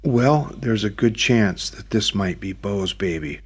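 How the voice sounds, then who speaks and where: A man's voice: on the low side, expressive, a little slow, husky. A man reading an audiobook, voicing a tearful, anxious young woman who pleads emotionally. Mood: pleading.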